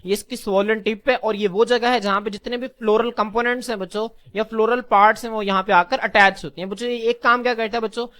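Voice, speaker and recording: High-voiced teacher drilling terms. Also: male voice, a bit bright. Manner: keeps calling listeners "children", asks and answers his own questions; repeats key terms slowly for students to echo. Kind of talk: classroom lecture.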